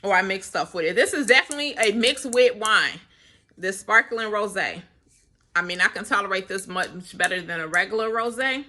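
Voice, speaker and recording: A woman's voice: mid-range voice, moderate pace, bright, forceful tone. A young woman vlogging in a casual, rambling chat, laughing often between thoughts. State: slightly winded.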